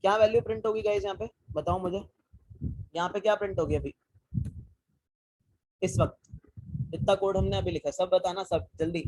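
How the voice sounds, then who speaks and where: A man's voice: high voice, steady tone, normal speed, long pauses, a little mellow, poor audio. A young man teaching a live online coding class, talking students through code step by step, asking them questions and mixing English technical terms into casual Hindi. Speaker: programming teacher.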